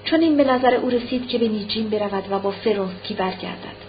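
A woman narrating an audiobook of a classic novel in a steady, measured way. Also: a little high, lo-fi sound, slight background noise.

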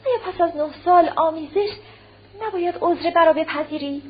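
A woman's voice: very high voice, muffled recording, voice pushed up. A woman voicing a remorseful pleading husband. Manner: soft, stammering, apologetic.

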